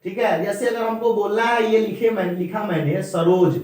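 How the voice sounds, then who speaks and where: High-voiced teacher in a very echoey room. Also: male voice, fairly even intonation, darkish tone. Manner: slow, repetitive drilling, addresses students directly. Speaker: Hindi grammar teacher. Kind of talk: board lesson.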